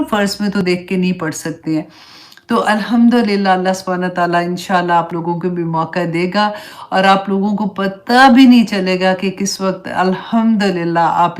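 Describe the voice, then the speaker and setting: A middle-aged woman, teaching a religious class in a conversational way, slipping English phrases into her talk and laying out numbered points for her students. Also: medium pitch. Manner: gives numbered points, speaks directly to students. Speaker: Islamic teacher.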